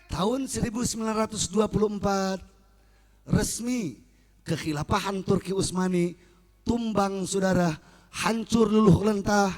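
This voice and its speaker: A man preaching a fiery sermon, shouting rhetorical questions at his listeners and repeating phrases for emphasis. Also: high-pitched. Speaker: Islamic preacher.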